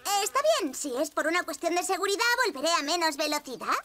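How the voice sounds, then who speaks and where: A woman's voice: very high voice, quick pace, noisy background. A woman voicing a plucky, kind-hearted young girl bee in a children's cartoon, childlike and earnest. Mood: defiant. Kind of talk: animated children's cartoon dub.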